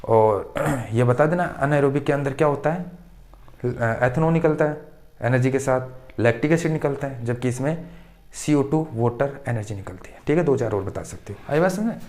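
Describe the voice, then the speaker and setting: A man teaching a school science class. He asks his pupils a question, answers it himself, then repeats the term again. His pitch sits in the middle of the usual male range. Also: normal speed, a little mellow. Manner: addresses students fondly as children. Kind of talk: classroom-style science lesson.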